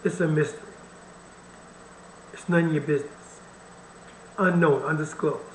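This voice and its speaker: A man's voice: on the high side, fairly even intonation, moderate pace, roomy sound, a little hiss or hum, low-quality recording. A man hosting a reaction video, commenting bluntly and with wry irritation on the clip he plays. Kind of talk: casual commentary over a played video.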